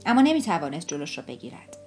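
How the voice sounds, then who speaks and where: A woman narrating an audiobook in a steady, measured reading voice. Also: lowish voice, faint music behind.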